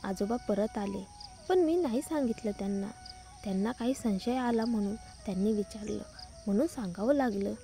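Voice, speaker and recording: A woman's voice: medium pitch, moderate pace, warm tone, faint music behind, lightly acted. A woman voicing a frightened, drunken young man who pleads and stammers in a storybook reading. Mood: scared pleading.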